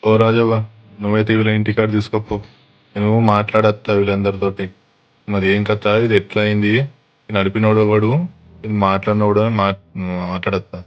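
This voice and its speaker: A man's voice: lowish voice, completely flat delivery, muffled recording, natural voice. A man with a Telangana accent playing a firm village helper who reassures and takes charge in a village comedy-drama. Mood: reassuring. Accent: Telangana Telugu. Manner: brisk, reassuring, commanding. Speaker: helpful villager.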